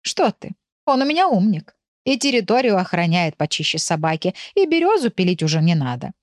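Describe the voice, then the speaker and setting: A woman doing an easygoing, affectionate village woman who speaks with a lively lilt. She is heard in a dry, close recording. It is an audiobook character voice. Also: fairly low pitch, a little fast, no echo. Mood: fond. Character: warm-hearted village woman, goat owner.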